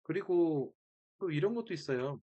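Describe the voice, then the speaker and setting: A man talks through the steps of an informal screen-share tutorial, thinking aloud in short fragments and repeating key words. His voice sits on the high side with lively intonation, a dark tone, and a moderate pace, and the recording sounds dull.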